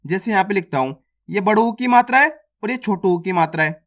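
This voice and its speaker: A man's voice: high-pitched, expressive, brisk, a bit bright. Male teacher, online alphabet lesson. Asks the class questions, answers them himself, stretches out vowel sounds. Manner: checks in with listeners. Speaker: Hindi teacher.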